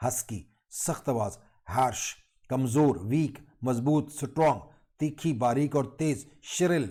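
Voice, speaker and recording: A middle-aged man from Pakistan giving a recorded college lecture, reading out lists of terms in a measured teaching tone. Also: mid-range voice, mellow, breathy edge.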